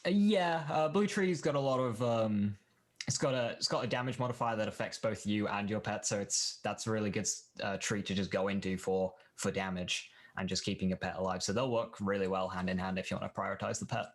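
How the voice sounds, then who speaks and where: Low-voiced man explaining game skills. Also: steady tone, brisk. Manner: explanatory, thinks aloud. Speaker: guest expert. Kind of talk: game reveal discussion.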